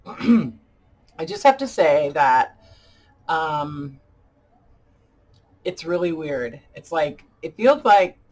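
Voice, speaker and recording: A woman chatting casually as a craft video host, halting and deliberate, her speech slightly impeded by dentures as if her mouth were full of peanut butter. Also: low-pitched, big pitch swings, darkish tone. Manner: halting, deliberate, pausing often. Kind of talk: casual chat tutorial.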